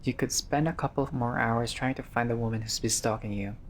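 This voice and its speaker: Briskly and in a mid-range voice, a gamer voices the text of a visual novel during a laid-back playthrough, tossing in casual remarks. Expect the odd swear word and slip, plus clear background noise in the recording.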